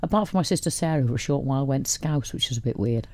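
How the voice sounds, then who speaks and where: Rumbling low and darkish in tone, this Welsh woman in her later years talks very fast and animatedly about her life as a radio guest. The casual interview chat wanders, with lots of restarts, and there is no room sound.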